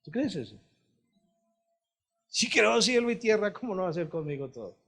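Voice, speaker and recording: A man preaching a sermon as pastor, moving from quiet, low passages to loud, high appeals and asking his listeners questions. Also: sing-song, moderate pace, vocal fry.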